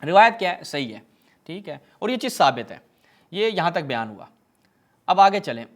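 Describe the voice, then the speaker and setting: A man's voice: high voice, sing-song, a bit bright. A man giving a polemical religious lecture, reading narrations aloud and mocking them with sarcastic asides. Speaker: religious speaker.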